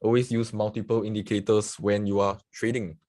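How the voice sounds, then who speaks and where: A man from Singapore with a lowish, level, slightly mellow voice speaks briskly in clean, studio-quality audio with no room sound. He teaches forex trading on a livestream, casually walking through chart examples during a live screen-share market analysis. He often says "so yeah" and greets viewers from the chat.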